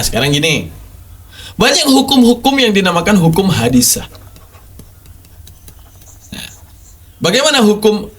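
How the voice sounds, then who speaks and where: A man's voice: very high-pitched, fairly bright tone. A man giving emphatic religious commentary on a video, repeating words for stress and mocking his opponents.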